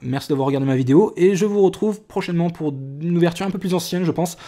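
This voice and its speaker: A man's voice: on the high side, quick pace, dark tone. A young man chatting casually while showing and opening trading cards, with lots of fillers and restarts. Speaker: card collector vlogger. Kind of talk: casual card-opening video.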